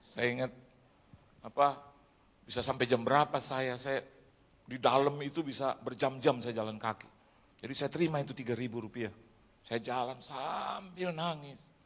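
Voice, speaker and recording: Dramatic preacher in a ringing hall. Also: male voice, medium pitch, moderate pace, pauses often. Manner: dramatic storytelling, shifts from quiet to shouting. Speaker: pastor. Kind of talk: sermon. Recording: long reverb of a church hall.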